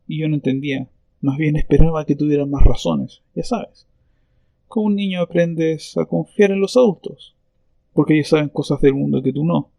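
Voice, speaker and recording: A man with a gravelly, somewhat high voice answers interview questions. He talks in a thoughtful, reflective way and pauses hesitantly. The sound is close and dry. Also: dark tone, no room sound. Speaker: interview guest.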